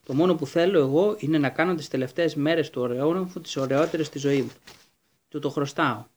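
A man voicing a huge, soft-hearted groundskeeper in a storybook reading, halting and loud. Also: on the high side, lightly acted. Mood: sorrowful.

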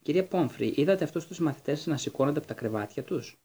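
A man voicing a calm, wise old headmaster who speaks in an unhurried, quietly amused way while reading a storybook. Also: a little high, breathy edge.

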